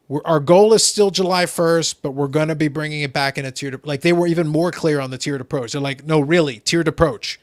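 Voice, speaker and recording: In a dry, close recording, a male podcast host whose first language isn't English talks through a casual hobby topic. His voice sits a little higher than average. He explains animatedly and tends to repeat a phrase as he gets rolling.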